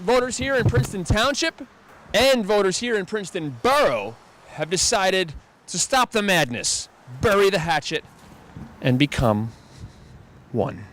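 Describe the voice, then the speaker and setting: Brief: male comic field reporter, high-pitched, quippy, recorded outdoors amid loud traffic noise. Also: very animated, unhurried, pauses often. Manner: wisecracking, upbeat greetings.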